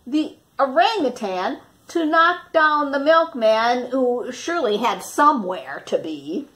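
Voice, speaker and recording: A woman reads to young children from a picture book in a high, lively voice with plenty of pitch movement. Dramatic pauses and questions for her little audience punctuate the reading.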